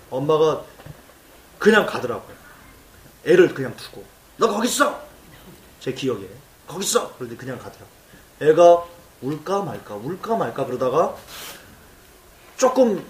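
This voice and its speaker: A male pastor preaching a sermon in church, emphatic and animated, telling stories and acting out cries. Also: on the high side, echoey room, far from the mic.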